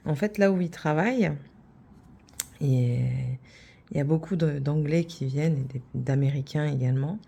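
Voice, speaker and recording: A woman's voice: low voice, moderate pace, creaky, mellow, husky. A woman vlogging about her crafts to viewers, chatty and rambling, teasing herself as she goes. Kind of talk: casual chat to viewers.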